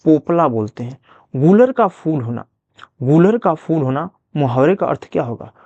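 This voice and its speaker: A man's voice: a little high, very animated, normal speed, a little mellow, dry recording, muffled recording. A man teaching a Hindi grammar revision lesson, asking questions and then answering them himself, repeating each answer. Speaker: exam prep teacher.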